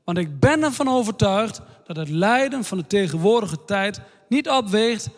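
A man preaching a sermon in a slow, earnest way, reading scripture aloud. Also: high-pitched, expressive. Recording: long hall reverb.

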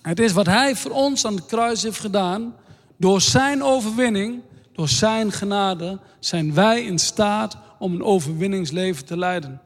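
A man preaching a sermon in a slow, earnest way, reading scripture aloud. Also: sits high, expressive. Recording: long hall reverb.

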